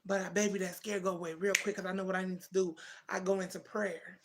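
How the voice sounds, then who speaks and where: A woman in her thirties hosts a casual livestream, chatting directly with viewers, answering their comments, and calling them "baby" and "twin." Her voice is lowish with little pitch movement, and she talks quickly. There's noticeable noise in the background.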